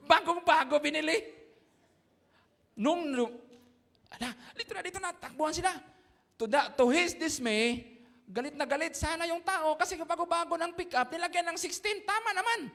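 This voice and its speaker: A man's voice: very high voice, normal speed, vocal fry, long pauses, bright, forceful tone. A man with a Filipino accent giving a sermon in church, telling a funny story, acting out voices and laughing along with it. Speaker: pastor. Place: church sanctuary. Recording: long church reverb.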